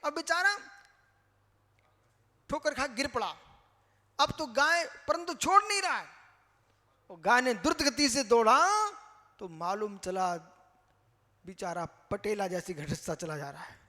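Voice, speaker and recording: A man, a Jain monk, giving a slow teaching discourse and calling on listeners by name. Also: extremely high pitch, lively intonation, sharp tone, in a large hall. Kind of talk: sermon.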